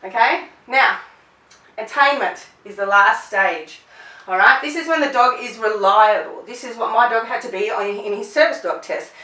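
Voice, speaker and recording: Bright-voiced woman dog trainer, roomy echo. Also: fairly high pitch, normal speed, recorded from a distance. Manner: conversational, checks in with frequent "right?"; acts out commands in sharp bursts. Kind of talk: instructional talk to clients.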